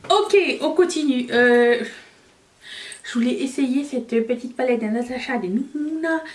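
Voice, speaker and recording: A woman's voice: high-pitched, measured pace, roomy sound, distant mic. Chatty woman doing her makeup. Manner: chatty, self-mocking, talks while applying makeup. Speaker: beauty vlogger. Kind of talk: casual makeup tutorial chat.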